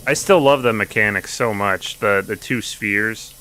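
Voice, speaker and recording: Bright-voiced joking male streamer. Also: fairly low pitch, a little slow. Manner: chatty, joking, profane. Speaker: streamer playing a video game. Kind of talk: casual gameplay commentary.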